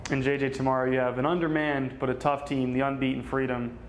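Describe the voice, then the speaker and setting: A man interviewing players after a game, asking questions in a steady, even way. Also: medium pitch, quick pace, a little hiss or hum, low-quality recording.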